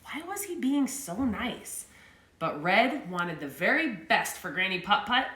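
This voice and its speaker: Reading a picture book to children at story time, a woman from Colorado in the United States keeps things upbeat and chatty. She has a medium pitch with big pitch swings, a measured pace and a sharp tone, recorded in an echoey room.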